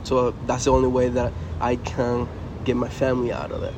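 A young Venezuelan man, a native Spanish speaker with a Venezuelan accent, is interviewed as a college baseball player. His mid-range voice is completely flat and fairly quick, with background noise behind it. He speaks loosely and earnestly, often dropping "man" and "you know."

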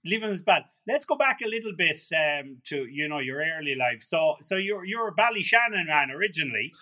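Man, interviewer, casual chat, slightly high pitch, bright forceful tone. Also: very animated, fairly quick.

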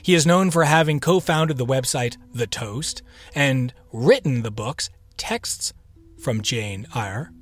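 Faint music sits under a man hosting a podcast who talks slowly at a medium pitch. Playful and theatrical, he chats through a scripted intro, sprinkling in whispered echo-style repeats and asides.

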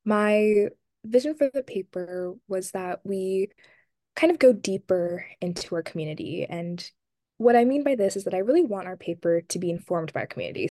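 A woman's voice: medium pitch, expressive, normal speed, warm tone, no echo, studio quality. Thoughtful young woman student editor. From Maryland, USA. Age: young adult. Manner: thoughtful, with hesitant fillers. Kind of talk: casual interview answers.

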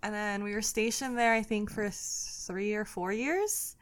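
A young woman from the Philippines who grew up in California, a nervous guest telling her story with many pauses and fillers. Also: mid-range voice. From Philippines, raised in California. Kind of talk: casual chat.

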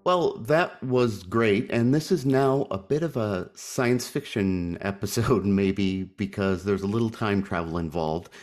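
Male podcast host, low voice, talkative, mildly opinionated. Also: measured pace, few pauses, faint music behind. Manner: chatty, self-deprecating, opinionated. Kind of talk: casual podcast chat and commentary.

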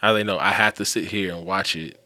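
Man, fairly low voice, bright tone, casual rambling chat, swears a lot. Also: quick pace. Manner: rambling, animated, swears freely. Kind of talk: casual chat about TV shows.

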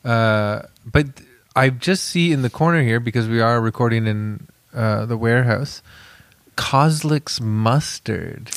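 Guy podcast cohost, deadpan rambly joking chat, dry recording, mid pitch. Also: measured pace, no echo. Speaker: comedy podcast co-host. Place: warehouse used for recording.

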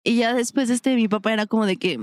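A woman's voice: on the high side, fast talker, smooth, no echo. A young woman with a Mexican accent telling a personal story on a podcast, slangy and frank, often breaking into laughter. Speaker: podcast co-host. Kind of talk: casual chat.

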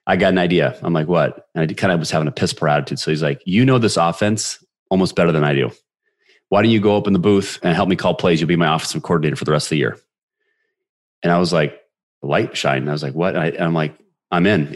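Very deep-voiced storyteller man in his forties. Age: 40s. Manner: animated, quick storyteller who acts out quoted dialogue. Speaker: podcast guest. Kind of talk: personal storytelling in a podcast interview.

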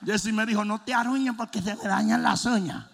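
Man, preacher, high gravelly voice, shouting and joking, long hall reverb. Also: fairly quick. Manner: animated, jokey, swings between shouting and mimicking. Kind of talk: sermon.

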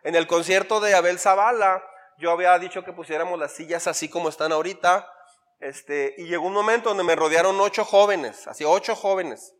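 A man's voice: sits high, fairly even intonation, a little fast, fairly bright tone, big-room sound. A man, a pastor giving a conversational sermon full of acted-out quotes and humor.

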